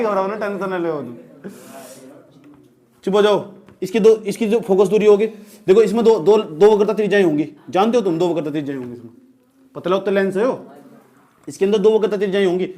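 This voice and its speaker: High-voiced joking physics teacher. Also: male voice, warm tone. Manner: joking, repeatedly checks students understand. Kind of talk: classroom lecture. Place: classroom.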